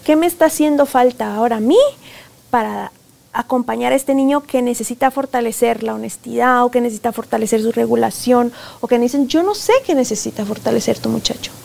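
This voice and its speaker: A woman, speaking as a guest expert in a conversational interview, animated and often acting out parents and children. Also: a little high, a little fast, creaky. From Guatemala. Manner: animated, acts out parents and children in quoted voices. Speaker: positive discipline expert guest.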